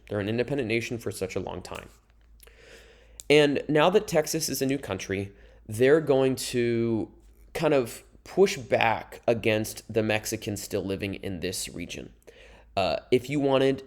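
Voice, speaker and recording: This recorded slide lecture features a young male history teacher whose medium-pitched voice is a little mellow. He explains in an easygoing, conversational manner and makes side remarks to students.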